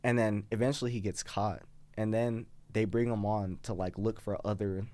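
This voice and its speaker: A man's voice: lowish voice, flat delivery, moderate pace, mellow. A young man co-hosting a podcast, chatting loosely with lots of slang and swearing. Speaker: podcast co-host. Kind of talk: casual chat.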